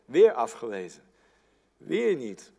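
A middle-aged man, a pastor, preaching a sermon in a church; slightly hoarse from a cold, earnest, with frequent restarts. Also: mid-range voice, slow pace. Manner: earnest, repetitive restarts, animated delivery. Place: church hall. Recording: long church-hall reverb.

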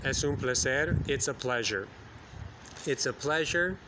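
A man in his thirties from the United States, giving a bilingual lesson into a phone held at arm's length outdoors at night, speaking slowly and repeating phrases for learners. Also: mid-range voice. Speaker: English teacher. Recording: phone video with loud wind noise outdoors. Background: loud wind and street noise.

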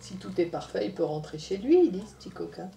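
A woman teacher reading a picture book aloud to young children, pausing to explain the story to them. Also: fairly low pitch, lively intonation, vocal fry, mellow. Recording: voice from a distance off the mic.

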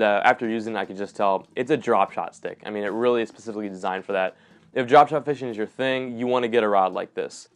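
A young man hosting his own fishing channel, talking casually and enthusiastically through his rods and reels in a home studio, with slangy asides. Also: medium pitch. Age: young adult. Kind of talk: casual gear review talk. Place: indoor home studio room.

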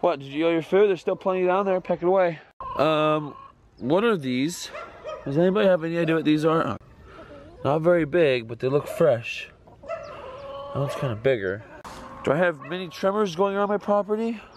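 A man's voice: a little high, expressive, moderate pace, a little hiss or hum. An American man in his thirties talking casually and informally to a camera, in a laid-back vlog style. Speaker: vlogger. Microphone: handheld or nearby camera.

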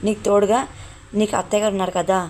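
A woman's voice: medium pitch, flat delivery, quick pace, darkish tone, a little hiss or hum, close to an everyday voice. A woman voicing a caring middle-aged mother who soothes her daughter, in a retold family drama. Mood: consoling. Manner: soothing, then suspicious.

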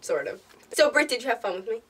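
Giggly high-voiced woman, lively. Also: fast talker, recorded from a distance, slight background noise. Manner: laughs often, repeats guessed phrases. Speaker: YouTuber host. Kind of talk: giggly party-game chat.

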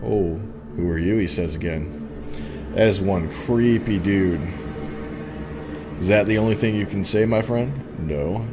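A young gaming YouTuber hosts a relaxed let's play from his home setup, his voice on the low side and a little slow with long pauses. He reads game text aloud and reacts playfully over the game music.

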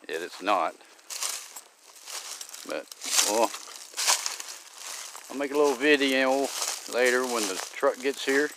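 A man's voice: on the low side, slight background noise. A man, talking casually and rambling with fillers while filming his homestead outdoors on a handheld phone. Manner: relaxed, rambling, drawling talk with many fillers. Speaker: homesteading vlogger. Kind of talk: casual vlog narration. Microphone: handheld phone camera.

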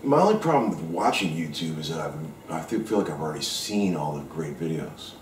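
Deep-voiced man guest, loose and frank, swears casually, recorded from across a roomy kitchen. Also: very animated, brisk, a little hiss or hum. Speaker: session guitarist guest. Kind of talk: casual interview talk. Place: kitchen at home, indoors. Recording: roomy kitchen sound from a distant mic.

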